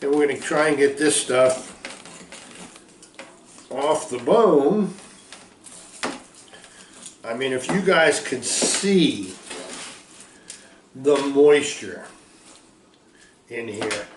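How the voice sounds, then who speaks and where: A man running a cooking demonstration in his kitchen, talking in a folksy, upbeat pitchman way. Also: lively intonation, drawn-out words, long pauses, roomy sound, a little hiss or hum. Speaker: small food business owner.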